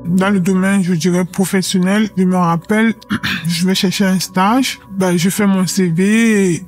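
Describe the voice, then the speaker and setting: A young woman tells her story in a calm, even voice that stays level in pitch. She speaks in a measured, reflective way and pauses to hesitate between thoughts. Soft music plays faintly underneath. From Cameroon. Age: young adult. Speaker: anonymous witness. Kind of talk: personal testimony.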